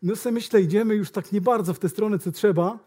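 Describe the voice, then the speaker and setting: A man as a sales trainer, telling an anecdote to his audience in a lively, direct way. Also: high-pitched, fast. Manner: lively storytelling, talking straight to listeners. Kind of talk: anecdote told to a live audience.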